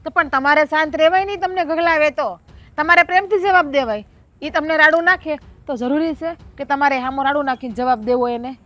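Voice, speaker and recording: An actress playing a level-headed village wife who chides her husband and urges calm, with a Kathiawadi Gujarati accent. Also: sits high, fairly quick. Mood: chiding. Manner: chiding, urging calm. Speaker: wife of the elder brother. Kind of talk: rural family drama acting.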